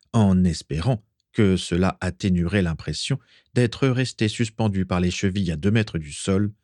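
A man narrating a fan fiction audiobook in a measured storytelling manner. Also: sits low, a little mellow, dry recording, studio quality.

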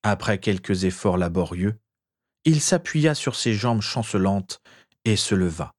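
Low-voiced man reading a story. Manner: measured, expressive storytelling. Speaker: narrator.

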